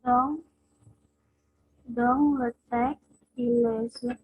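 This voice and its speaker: A woman student reading a French text aloud, slowly and hesitantly, in an online class. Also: on the high side, fairly even intonation, narrow, tinny audio. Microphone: video call.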